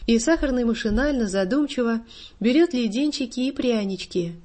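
A woman narrating a story aloud in a measured storytelling manner. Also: on the high side, animated, darkish tone.

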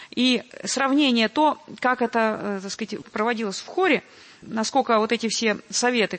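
A woman giving a measured, deliberate lecture and reading quotations aloud. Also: fairly high pitch, a bit bright, in a large hall. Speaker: lecturer on church choir singing.

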